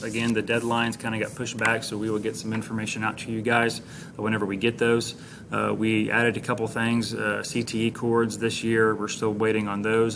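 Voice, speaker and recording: Low, even-toned American man making school announcements. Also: background noise. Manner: encouraging, congratulatory, plain-spoken, halting phrasing. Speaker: high school administrator giving announcements to students. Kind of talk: informal video announcement to students, like an orientation leader.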